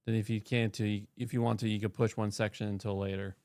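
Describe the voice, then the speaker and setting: A man streaming a game, chatting casually and reading scripture aloud with animated, joking asides. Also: lowish voice, fast, dry recording.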